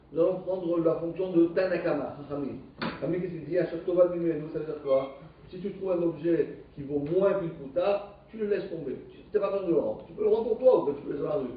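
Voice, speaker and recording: A man who teaches a live Talmud class, lively and questioning, explaining the text step by step. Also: high-pitched. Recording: distant echoey dull live stream.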